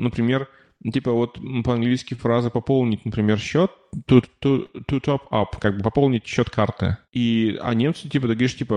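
This podcast guest, a man living abroad, tells rambling stories in a casual chat, often using fillers and starting over. His voice is mid-range and mellow.

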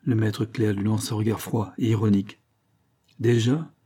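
Husky, dark-toned male audiobook narrator. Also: lowish voice, little pitch movement, brisk. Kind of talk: literary audiobook reading.

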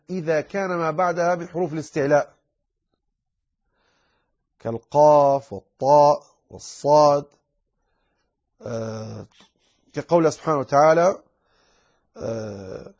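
A man teaching a recitation lesson, explaining rules patiently and pausing with drawn-out fillers while he models correct and wrong readings. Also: a little high, darkish tone, lo-fi sound. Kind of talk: tajweed lesson with recited examples.

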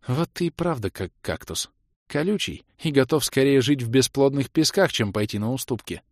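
A man's voice: medium pitch, animated, normal speed, darkish tone, no room sound. A man voicing a proud young baroness who talks in a sarcastic, grumbling way, in a dry, close recording. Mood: grudging. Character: sharp-tongued proud young woman, a baroness.

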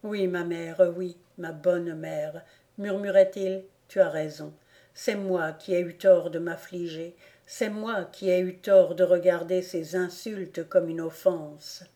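A woman reading the part of a young boy who murmurs tenderly to his mother, in a hushed and soft voice, in an audiobook. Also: mid-range voice, monotone, normal speed, hardly any pauses, close to an everyday voice.

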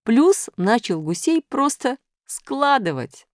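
A woman reading a children's story aloud in an expressive way. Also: fairly high pitch, takes it slowly, no echo, studio quality.

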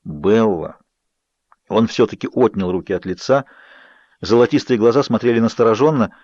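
A man's voice: medium pitch, fairly quick, darkish tone, dry recording, lo-fi sound. Man reading a novel aloud. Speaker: audiobook reader. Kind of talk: scripted novel narration.

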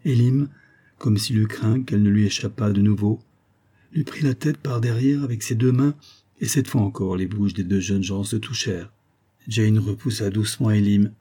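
A man reading a French novel aloud as an audiobook, in a slow, gentle narration. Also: lowish voice, slightly rough. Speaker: audiobook reader. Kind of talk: scripted narration.

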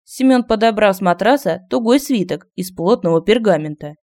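A woman narrating a comic fantasy story. Her reading is lively and expressive, in a mid-range voice. Clear scripted audiobook narration. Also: medium pitch, normal speed. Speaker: audiobook reader.

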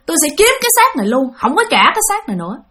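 A woman's voice: sits high, very animated, very fast, a bit bright, voice pushed up. A woman voicing a menacing possessing ghost, Southern Vietnamese. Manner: menacing, defiant claims. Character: vengeful female ghost possessing an older woman.

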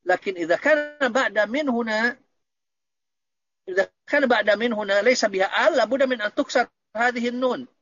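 A man's voice: very high voice, a little fast, fairly bright tone, no room sound, highs cut off. A man teaching Arabic grammar in an online lesson, patiently explaining and checking that students understand.

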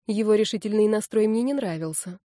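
A woman narrating a first-person novel with lively expression. Her voice is warm and mellow, recorded dry and close with no room around it. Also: mid-range voice, a little fast, dry recording. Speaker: audiobook narrator.

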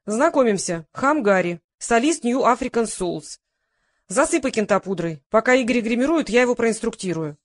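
A woman's voice: fairly high pitch, animated, dry recording. Woman playing a brash, bossy TV producer. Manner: loud, commanding, rapid-fire orders.

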